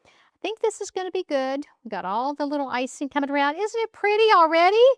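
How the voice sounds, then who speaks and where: A woman's voice: fairly high pitch, a bit bright, no room sound, clean studio sound. A woman hosting a home cooking demonstration, chatting and thinking aloud as she decorates a cake in her kitchen. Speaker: cooking show host.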